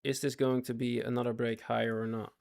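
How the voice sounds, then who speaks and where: Fairly quick and level, this medium-pitched male voice is creaky with a darkish tone. A day trading livestreamer commenting casually on his trades, he's losing his voice, speaks in fits and starts, repeats himself, and keeps asking viewers if they follow.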